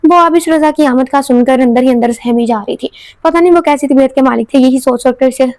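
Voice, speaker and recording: A woman reading a romance novel aloud in steady storytelling narration, sometimes correcting herself. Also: high voice, brisk, no room sound. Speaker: audiobook narrator.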